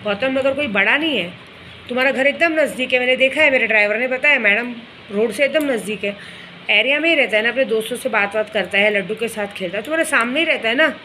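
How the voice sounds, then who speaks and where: A young woman speaks mixed in, airing her grievances to her viewers in a personal vlog. Her voice sits high and sounds bright and sharp. She presses her points hard, repeating the same phrases again and again, while a faint hum of ambience runs behind her. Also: quick pace, rough recording. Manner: aggrieved and insistent, repeating phrases. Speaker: vlogger addressing viewers. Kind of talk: emotional personal vlog rant.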